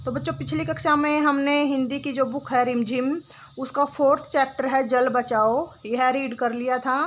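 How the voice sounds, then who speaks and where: A woman's voice: high-pitched, steady tone, normal speed, slight background noise, rough recording. A woman teaching young children in a lesson, asking questions and answering them herself in her words. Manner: asks questions then answers them herself, says "ठीक है" and "बेटा" often.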